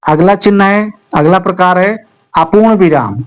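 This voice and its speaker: An Indian man teaching a grammar lesson to students, explaining slowly and deliberately with many pauses. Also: high-pitched, poor audio.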